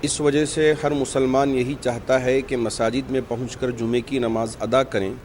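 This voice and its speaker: A man, a mosque imam, reading out a formal statement point by point in measured religious diction, outdoors by a street. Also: medium pitch, flat delivery, a little mellow, slight background noise.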